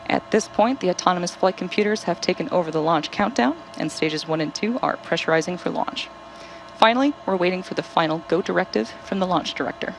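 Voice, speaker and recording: A woman's voice: on the low side, fairly quick, creaky, a little hiss or hum, low-quality recording. A woman hosting a live launch webcast, explaining technical steps in running commentary.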